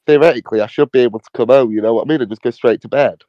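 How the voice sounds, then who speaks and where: A man's voice: mid-range voice, rapid-fire, no room sound. A young man, co-hosting a podcast with blunt, jokey, sweary interjections. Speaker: podcast co-host. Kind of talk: casual chat. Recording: slightly dull, lo-fi mic.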